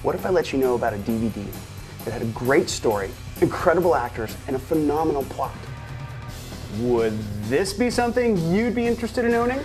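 A man delivers an infomercial sales pitch in an exaggerated, emphatic style. His intonation swings widely as he pushes the offer, with faint music underneath. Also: sing-song, fairly quick. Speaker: infomercial host. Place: small indoor room, speaking to camera.

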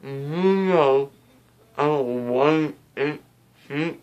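A man's voice: on the high side, extremely slow, darkish tone, clear, resonant tone. A groggy teenage boy, loopy after having his wisdom teeth out, rambling giddily and repeating himself through a mouth muffled by cotton. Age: teens. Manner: rambling, repetitive, giddy. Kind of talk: casual rambling to camera. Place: small indoor room, seated in armchair.

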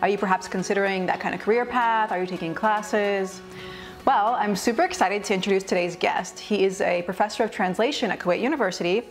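A woman's voice: medium pitch, brisk, soft background music. Upbeat woman hosting an interview. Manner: upbeat, chatty. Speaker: host, interviewer. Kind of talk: video intro and interview. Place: indoor room.

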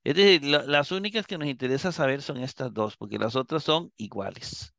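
A man teaching a live Greek class, explaining slowly and checking in with his students as he goes. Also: mid-range voice, creaky, a bit bright, dry recording. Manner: slow, explanatory, repeats and checks with "¿verdad?".

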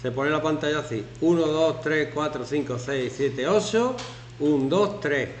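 Speaking at a fairly high pitch and measured pace, a man in his fifties teaches a class activity with casual humor. He's chatty and animated, acting out shouting examples, and the classroom sounds echoey with faint noise in the background.

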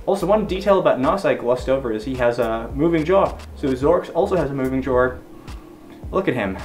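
A man's voice: medium pitch, animated, a little fast, a little mellow, faint music behind. A young man chatting in an upbeat, casual way from inside a fursuit head. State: through a costume head. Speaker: furry video creator showing his fursuits. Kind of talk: casual vlog chat.

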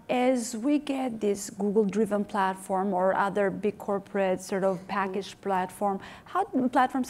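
A woman's voice: mid-range voice, a little mellow. A woman in her forties moderating a panel on a conference stage, asking long questions with restarts and hedges into a lapel mic.

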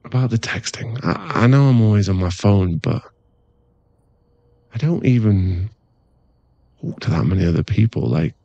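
Apologetic in mood, a man voices an affectionate, teasing werewolf boyfriend for an intimate ASMR roleplay. He speaks softly and haltingly in a coaxing way, his husky, gravelly voice fairly low in pitch. The close-miked recording is muffled with no echo.

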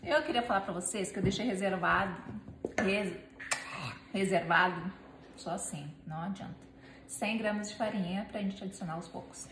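In an echoey kitchen with clear background noise, a home cooking vlogger in her thirties gives a casual recipe demonstration at home. She chats playfully with her viewers and her helper as she works, her mid-range voice moving at a normal speed.

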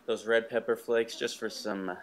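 A man's voice: lowish voice, normal speed, slight background noise. A young man casually talking viewers through a recipe in his home kitchen. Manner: relaxed, talks viewers through steps. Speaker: cooking vlog host.

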